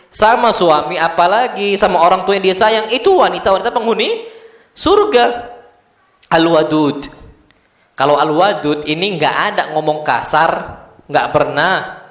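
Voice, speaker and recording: A male preacher giving a lively mosque lecture, asking the women present rhetorical questions. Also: high voice, reverberant.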